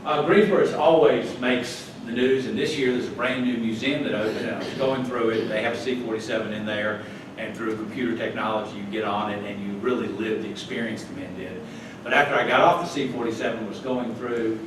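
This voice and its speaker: Speaking a little fast with few pauses, this older man from North Carolina has a lowish, steady voice. He's the guest speaker at a club, giving a folksy, chatty slide presentation with chuckling asides in a meeting hall, recorded from far off in a noisy, echoey room.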